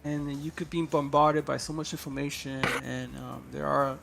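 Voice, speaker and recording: A man joining a live trading stream in casual chat, agreeing softly and adding his own points. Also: on the high side, level tone, moderate pace, gravelly, loud music behind the voice. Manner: agreeable, soft-spoken asides.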